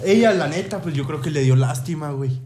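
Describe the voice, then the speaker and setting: A young man with a Mexican Spanish accent, casually telling a story among friends, animated, laughing often and full of slang. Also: on the high side, fairly quick, crowd noise. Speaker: podcast co-host telling a story. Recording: echoey room, background noise.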